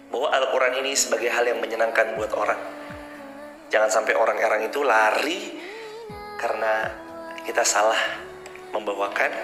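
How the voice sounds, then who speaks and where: A man preaching an animated sermon to a congregation, asking rhetorical questions, with an Indonesian accent. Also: medium pitch. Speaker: ustadz preacher. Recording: echoey hall with music behind.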